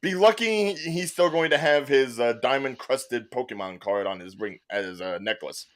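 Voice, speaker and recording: Male podcast host, lively pitch swings, animated joking tone, casual wrestling chat. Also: moderate pace. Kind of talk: casual wrestling panel talk.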